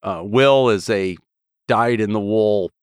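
Rambling man with a smooth voice. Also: fairly low pitch, dry recording, studio quality. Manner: rambling, halting with many fillers and restarts. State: voice lower than usual from a cold. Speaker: podcast co-host. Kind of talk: casual chat.

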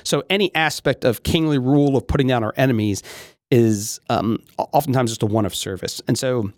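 A man of middle pitch talks through scripture in a loose, conversational way, circling back with fillers and restarts as he thinks aloud. The sound is close and dry, with no room around his voice. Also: fairly quick, darkish tone, dry recording. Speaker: podcast host. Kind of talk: casual theological monologue.

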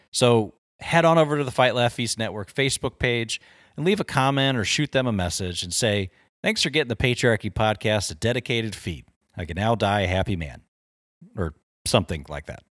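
A man hosting a podcast in casual chat, jokey and quick to laugh, sometimes mock-exasperated. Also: lowish voice, fairly bright tone, no room sound, studio quality. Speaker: podcast host.

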